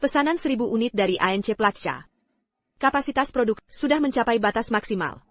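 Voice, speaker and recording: A woman's voice: a little high, expressive, fairly quick, a little hiss or hum. A woman playing a confident, enterprising businesswoman in a dubbed drama. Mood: composed, businesslike. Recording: background music.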